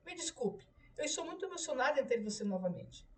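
A woman's voice: high-pitched, big pitch swings, fast, echoey room, distant mic, pitched above the performer's own voice. Woman reading as a tearful, tender mother. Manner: emotional, soft-spoken. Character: grieving middle-aged mother, tearful and tender.

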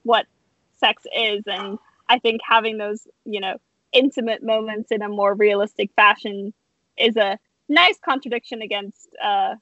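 A woman talking earnestly as a podcast guest, thoughtful and pausing on fillers. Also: medium pitch, fairly even intonation, fairly bright tone, dry recording, dull audio. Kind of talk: casual chat.

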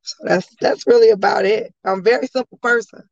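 Slightly hoarse American woman, flat delivery. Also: on the high side, fairly quick, no room sound, highs cut off. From Chicago area, United States. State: a little hoarse. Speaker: guest, motivational speaker and advocate. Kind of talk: conversational interview answers.

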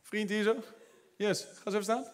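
A man preaching a lively sermon, retelling a story with quick asides and laughs, then building to loud exhortation. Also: high voice, clean tone. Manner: animated preaching with laughs and English phrases. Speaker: pastor.

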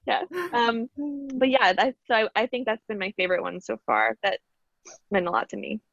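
A woman's voice: on the high side, normal speed, vocal fry, a bit bright, no echo. Woman, podcast guest, bubbly, talkative, dull dry recording. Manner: bubbly, chatty, many fillers. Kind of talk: casual interview chat.

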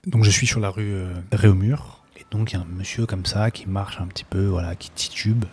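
A man's voice: on the low side, fairly even intonation, a little fast, loud music behind the voice. A man who drives a taxi, casually telling stories from his rides and acting out the dialogue. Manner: retells events acting out the dialogue. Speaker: Parisian taxi driver and podcast host. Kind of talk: casual storytelling.

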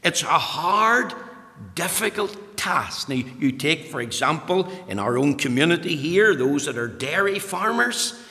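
Man, Northern Irish accent, evangelical sermon, slow deliberate delivery, emphatic repetition, long hall reverb. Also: fairly high pitch, very animated, sharp tone. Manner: emphatic, repeats phrases for weight. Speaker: preacher.

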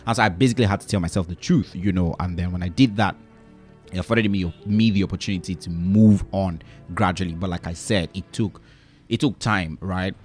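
A man's voice: deep voice, a little fast, a little mellow, faint music behind. A man hosting a solo podcast, talking earnestly and giving advice, often checking in with "right?" and "you know". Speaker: podcast host.

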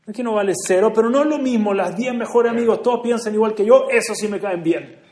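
A man giving an earnest religious speech to a gathering, moving between hushed and emphatic delivery. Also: sits high, fast. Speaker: speaker at a community prayer gathering. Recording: echoey room.

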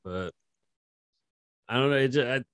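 A man's voice: medium pitch, moderate pace, a bit bright, clear, resonant tone, dry recording, studio quality. A man co-hosting a casual sports podcast, rambling and laughing often as he talks. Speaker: podcast co-host.

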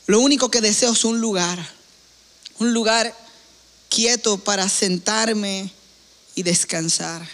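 A self-centred boy who grows old, read by a man in a plain, matter-of-fact way. His bright, high voice rings with a long hall reverb. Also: takes it slowly, pauses often, full character voice.

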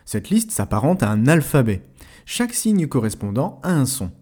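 Husky, mellow male language teacher. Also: mid-range voice. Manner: clear explanatory delivery, addressing the listener directly. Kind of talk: scripted educational lesson.

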